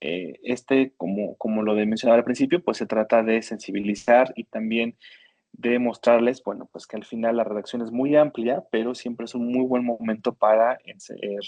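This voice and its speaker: A man with a Mexican Spanish accent lectures students on grammar and spelling. His voice sits at an ordinary middle pitch, recorded close and dry with no room sound. He talks with many fillers, restarts and little tag questions to check in with the class. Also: fairly even intonation, normal speed, a little mellow, no room sound. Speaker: university writing instructor.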